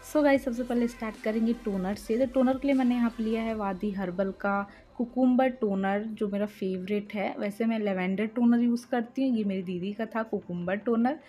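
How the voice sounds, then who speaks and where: A young woman narrating her makeup tutorial as a voice-over, speaking slowly and softly at night with a chatty, friendly manner. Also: fairly high pitch, faint music behind. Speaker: beauty vlogger. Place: room in a house by a main road at night. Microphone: home voice-over recording.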